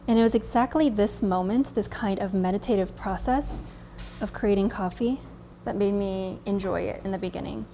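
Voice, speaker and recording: Speaking to camera, this barista and coffee content creator from California, in her twenties and American-accented, reflects on her own story in a relaxed, chatty manner. She has a mellow mid-range voice at normal speed, with a little hiss or hum in the recording.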